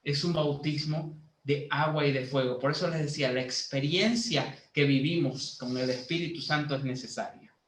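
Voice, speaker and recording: A man from Bolivia giving a sermon to a youth group as a lay preacher, teaching slowly with many fillers and building to emphatic preaching. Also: a little high, fairly even intonation, echoey room, a little hiss or hum, poor audio.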